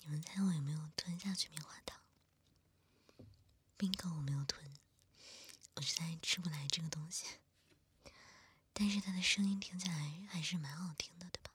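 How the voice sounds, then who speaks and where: A woman whispering softly and chattily to her listeners in an ASMR eating video, close to the microphone. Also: on the low side, moderate pace, pauses often, a little hiss or hum. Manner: soft unvoiced whispering close to the mic. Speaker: ASMR creator. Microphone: close sensitive mic.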